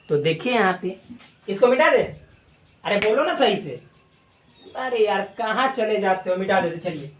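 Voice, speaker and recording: Female math teacher, slightly high voice, repeats terms patiently, recorded far off in an echoey room. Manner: slow, repeats terms in Hindi and English. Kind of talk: classroom lesson on a whiteboard.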